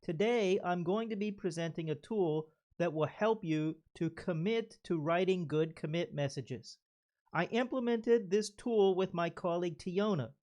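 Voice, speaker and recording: A man presenting a prepared conference lightning talk, speaking in a deliberate, carefully enunciated way. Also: high-pitched, a little mellow.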